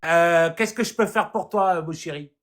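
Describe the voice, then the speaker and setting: A man's voice: a little high, normal speed, background noise. A man hosting a live stream who chats with callers in a joking, hesitant way full of fillers. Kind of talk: casual live chat with viewers. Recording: roomy echo.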